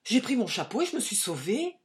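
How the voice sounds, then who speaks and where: A woman voicing a big, cowardly male informer who pleads in a loud, agitated rush in a read-aloud story. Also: fairly high pitch, sing-song, fairly quick, voice pushed up. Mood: flustered, pleading. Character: cowardly burly male informer, blustering and frightened.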